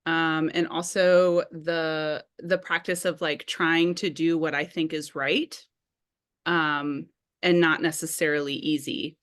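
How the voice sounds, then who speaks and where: A woman's voice: sits low, level tone, slow, fairly bright tone. A woman speaking candidly and thoughtfully in a community group meeting, with fillers. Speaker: community arts meeting participant. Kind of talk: casual sharing in a group meeting.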